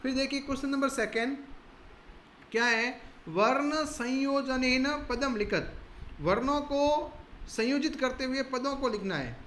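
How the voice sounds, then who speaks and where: A male teacher, leading a school lesson step by step and slowly repeating each word for his students. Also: extremely high pitch, fairly bright tone. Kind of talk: school lesson on a textbook chapter. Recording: echoey room, faint background hiss.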